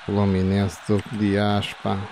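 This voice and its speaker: A man, playing a football video game and reacting excitedly, shouting and repeating words. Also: lowish voice, measured pace, noisy background. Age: 50s.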